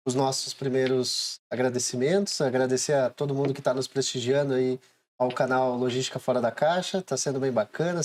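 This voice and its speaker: A man co-hosting a podcast, upbeat and promotional as he thanks listeners and plugs the channel. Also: mid-range voice. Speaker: podcast co-host. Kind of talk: casual interview chat.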